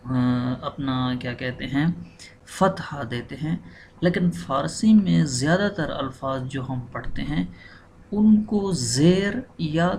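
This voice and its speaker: A male teacher, a native Urdu speaker, patiently explaining a language lesson and repeating each word slowly. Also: on the high side, lively intonation, vocal fry, a little mellow, a little hiss or hum. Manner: patient, repeats and spells out words.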